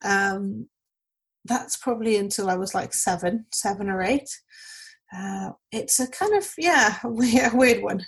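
A woman, a Spanish speaker, answering a list of questions casually with frequent thoughtful pauses and ums. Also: medium pitch, creaky, breathy edge, poor audio. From Mexico. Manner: thoughtful, pausing often with ums. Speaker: podcast guest.

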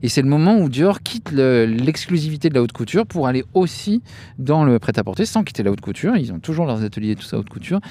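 A man co-hosting a casual podcast, talking about fashion in a lively, chatty way. His voice sits at an ordinary middle pitch, and he often stops and restarts his sentences with fillers. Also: fast. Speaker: podcast co-host.

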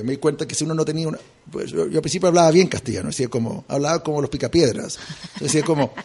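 Male radio guest, rapid and animated, slightly high voice. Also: husky. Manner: fast, animated storytelling. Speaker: guest writer. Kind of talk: casual radio interview.

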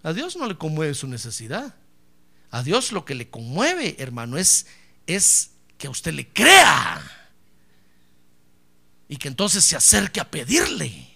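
A male pastor preaching a sermon, emphatic and repetitive, swinging from hushed asides to loud cries. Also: on the high side, wildly swooping pitch, a little slow, gravelly, long pauses, husky.

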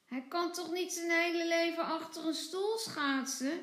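A woman's voice: very high voice, measured pace, fairly bright tone, reverberant, pitched above the performer's own voice. A woman doing a proud bold little girl. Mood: eager.

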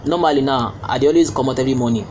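Man, Nigerian accent, rapid-fire delivery, emphatic explainer, casual religious chat, faint background noise. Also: mid-range voice, darkish tone.

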